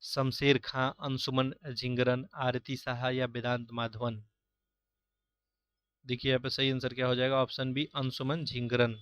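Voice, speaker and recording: A man working through mock-test questions as an exam-prep teacher, reading each question and its options, then giving the answer in a steady, explanatory way. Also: medium pitch, a little slow, clean tone, no echo. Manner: steady, explanatory, repeats filler "jo hai".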